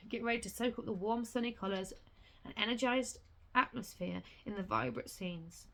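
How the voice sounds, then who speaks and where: A woman's voice: mid-range voice, creaky, fairly bright tone. A woman reading a booklet aloud in a casual vlog, stumbling over words and breaking off to swear. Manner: reads haltingly with restarts and swears in sudden outbursts. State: has the hiccups.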